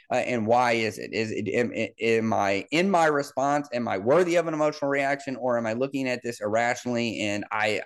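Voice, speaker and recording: A man in his thirties hosting a solo sports podcast, talking conversationally with many fillers and restarts. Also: mid-range voice. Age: 30s. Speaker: podcast host and football coach.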